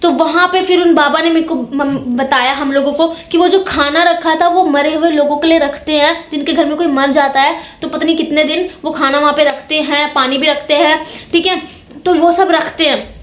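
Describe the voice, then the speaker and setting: A woman's voice: sits high, fairly even intonation, normal speed, fairly bright tone. A young woman casually telling a ghost story of her own, dramatic and repeating words for suspense. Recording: echoey room.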